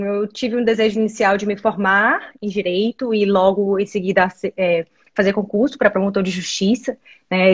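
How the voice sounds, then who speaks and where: A woman's voice: mid-range voice, lo-fi sound. A woman in her thirties from Maranhão, Brazil, a lawyer and interview guest, answering thoughtfully over a video call with frequent "é" and "né" fillers.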